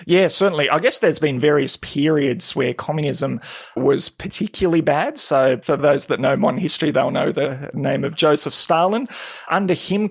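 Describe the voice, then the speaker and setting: Gravelly-voiced man, earnest guest. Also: a little high. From Hungary, raised in Sydney. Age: 40s. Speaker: podcast guest. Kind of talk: conversational interview.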